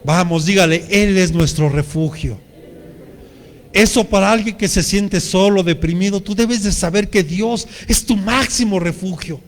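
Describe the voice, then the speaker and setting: Man, pastor, Mexican accent, high voice, earnest sermon, echoing hall. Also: measured pace. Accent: Mexican Spanish. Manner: earnest, addresses the congregation directly.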